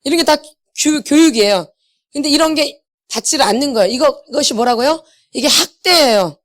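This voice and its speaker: A woman's voice: high-pitched, expressive, brisk. A middle-aged woman lecturing at a church healing seminar, emphatic, quizzing her audience and slipping into blunt casual speech. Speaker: inner healing ministry lecturer. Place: church meeting hall.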